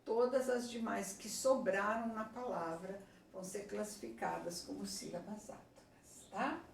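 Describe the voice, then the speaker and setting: A woman teacher with a Brazilian Portuguese accent, giving a slow, deliberate lesson at a board and often checking in with her class. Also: on the high side, creaky, a little hiss or hum. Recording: echoey room from far off.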